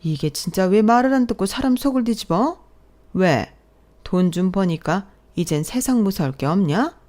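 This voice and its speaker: A woman's voice: lively intonation, normal speed, a little mellow, natural voice. A woman playing a bossy, brazen older mother-in-law. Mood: furious. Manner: shrill, bossy and contemptuous. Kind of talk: Korean radio drama story reading.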